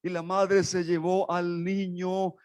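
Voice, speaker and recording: A man's voice: high-pitched, little pitch movement, slow, a little mellow, clean tone, no room sound. Emphatic man preaching a sermon. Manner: emphatic, repetitive, talks straight to the congregation. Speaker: pastor.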